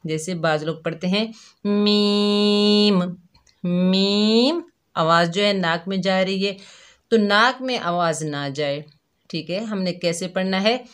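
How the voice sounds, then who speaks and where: A woman teaching young children to read Arabic letters, speaking gently and patiently and repeating each letter slowly. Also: fairly low pitch. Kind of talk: slow children's lesson.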